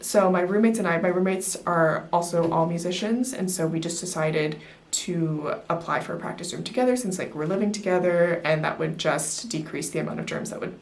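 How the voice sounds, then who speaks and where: Young woman doing a casual student vlog, kinda low voice, rambly explaining w lots of likes and ums. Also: a little fast, slight background noise. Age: early 20s. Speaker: student vlogger. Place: small music practice room, indoors.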